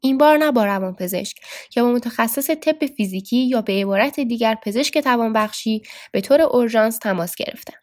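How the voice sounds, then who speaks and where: A woman narrating a book as a steady, scripted audiobook reading. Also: a little high, no echo, clean studio sound. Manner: steady storytelling.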